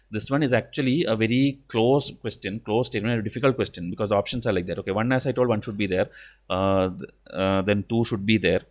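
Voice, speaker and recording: Fast-talking Indian man, blunt teacher. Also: fairly low pitch. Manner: blunt, stern, didactic; repeats "okay" as a verbal tic. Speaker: exam coaching teacher. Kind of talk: informal lecture explaining exam questions.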